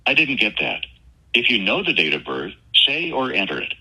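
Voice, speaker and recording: A man's voice comes through as a recorded phone menu message, sharply bright and husky-edged. His pitch swings widely as he reads out automated pharmacy prompts in an even, announcing manner. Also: moderate pace, rough recording. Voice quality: evenly paced, announcing manner.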